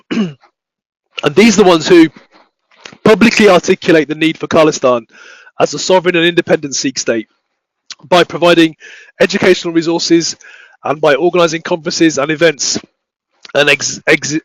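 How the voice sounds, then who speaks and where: A man giving an academic talk, speaking haltingly with many restarts and fillers. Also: fairly high pitch, dry recording, low-quality recording. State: voice failing, coughing. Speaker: academic researcher presenting.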